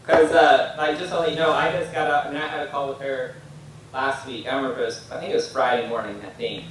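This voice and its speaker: A man's voice: mid-range voice, fairly even intonation, quick pace, heavy reverb, far from the mic, a little hiss or hum, poor audio. A man in a casual chat, asking direct questions and giving feedback.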